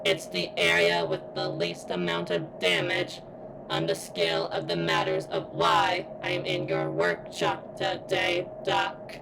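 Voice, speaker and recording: In a scripted ASMR character monologue, a woman voices a damaged female surveillance robot whose formal, clinical, stilted speech comes in halting phrases. Heavily acted, her bass, gravelly voice sounds strained and pained, and there's background noise.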